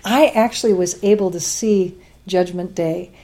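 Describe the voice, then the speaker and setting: Chatty low-voiced woman in an interview. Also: unhurried, warm tone. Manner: chatty, laughs often, many restarts and fillers. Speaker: guest, science education advocate. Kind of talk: interview conversation.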